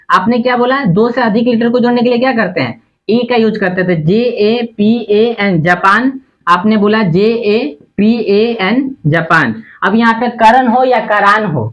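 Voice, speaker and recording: A man teaching a lesson at a board, who asks his own questions, answers them, and spells words out slowly letter by letter. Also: high voice, lo-fi sound. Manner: repetitive and patient, checks understanding often. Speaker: spoken English teacher.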